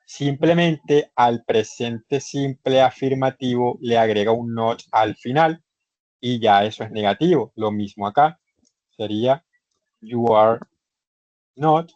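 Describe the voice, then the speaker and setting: Male teacher, online class, unhurried and patient, repeats every step; dry, somewhat dull call audio. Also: medium pitch, darkish tone, dry recording. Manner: patient, repetitive step-by-step explaining. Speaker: English instructor. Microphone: computer microphone in a video session. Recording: slightly muffled online session audio.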